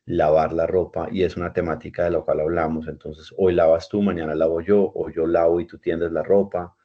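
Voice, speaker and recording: The speaker is a man leading an English class by video call, patiently going over words again and spelling them. His low voice is warm and slightly rough, heard through dull lo-fi call audio.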